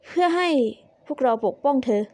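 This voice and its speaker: A woman voicing a commanding young nobleman who is possessive and protective, speaking low and firm. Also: fairly quick, darkish tone, no room sound, close to an everyday voice. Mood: tender, firm.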